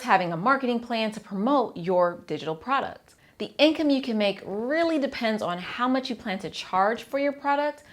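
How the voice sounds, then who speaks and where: Upbeat woman hosting a finance channel. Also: a little high. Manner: upbeat, direct, addresses viewer as "you". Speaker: accountant and channel host. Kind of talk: scripted explainer to camera.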